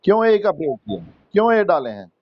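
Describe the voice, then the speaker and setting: A man teaching English grammar to students, slow and patient, repeating words and quizzing the class. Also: sits high, big pitch swings, gravelly, no room sound, muffled recording. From India. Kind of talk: Hindi-English grammar lesson.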